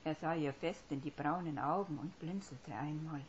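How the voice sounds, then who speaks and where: A woman reading a story aloud in a steady, measured way. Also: sits low, slight background noise. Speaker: audiobook reader. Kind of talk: scripted fiction narration. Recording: dull lo-fi recording.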